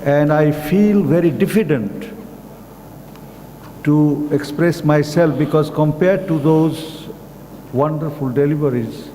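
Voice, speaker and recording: An older man from Bangladesh with a Bangladeshi English accent, giving a formal academic address at a conference in a slow, halting, deliberate way. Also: fairly high pitch, mellow. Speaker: conference speaker. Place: conference hall. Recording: echoey hall with faint background noise.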